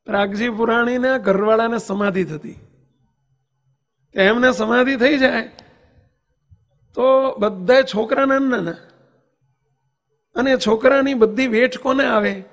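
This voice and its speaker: Very high-pitched preaching monk. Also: male voice, fairly even intonation, slow, long pauses. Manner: emphatic, with rhetorical questions to listeners; tells anecdotes and sings verses. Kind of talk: devotional sermon.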